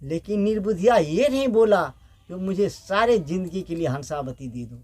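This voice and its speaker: A man telling a folk tale aloud, slow and halting, correcting himself, raising his voice for the characters. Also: high voice, animated, a little mellow. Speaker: village storyteller.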